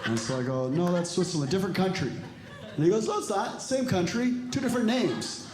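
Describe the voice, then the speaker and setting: With a high, expressive voice and a slightly fast pace, a forties-aged man from Ecuador and El Salvador does a stand-up set in a comedy club. He keeps the delivery dry and self-deprecating, acting out dialogue, as audience sounds echo around the room.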